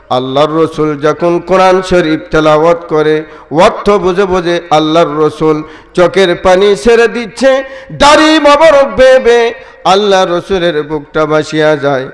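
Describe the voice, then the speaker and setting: A man preaching at a large gathering, his voice pitched high and carried on a long echo. He speaks slowly and fervently, rising to shouted peaks and then drawing out chanted verses in song. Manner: fervent, shouting climaxes and slow sung Quranic chanting. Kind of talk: Bengali waz sermon with chanted recitation. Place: large religious gathering over loudspeakers.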